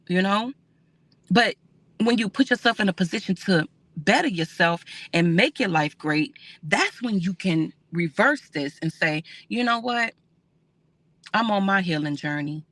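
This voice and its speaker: Candid woman livestreaming, gravelly bright voice. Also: lowish voice, no echo. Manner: candid, conversational, reads comments aloud. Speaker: livestream host reading viewer comments. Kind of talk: casual livestream talk.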